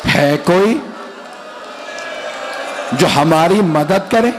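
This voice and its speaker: A man's voice: a little high, expressive, extremely slow, crowd noise, background noise. A man, a cleric, delivering a mournful Muharram majlis sermon and speaking straight to his listeners. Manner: mournful, emotional storytelling that addresses the audience directly.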